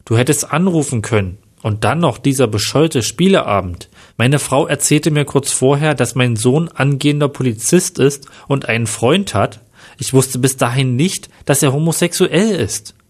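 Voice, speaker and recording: A man's voice: mid-range voice, expressive, moderate pace, close to an everyday voice. A man reading the lines of a bitter, hot-tempered middle-aged investigator in a plain read-aloud manner. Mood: agitated.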